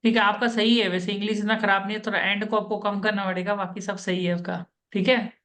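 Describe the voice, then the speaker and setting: A woman's voice: mid-range voice, little pitch movement, fast talker, a bit bright. A woman with an Indian accent coaching an interview candidate in Hindi, talking in a repetitive, instructive way and laughing often.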